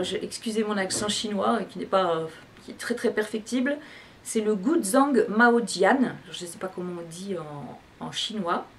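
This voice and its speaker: Chatty woman reviewing teas. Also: mid-range voice. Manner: chatty, hesitant with many fillers and restarts. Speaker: tea vlogger. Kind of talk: casual product review. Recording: background music.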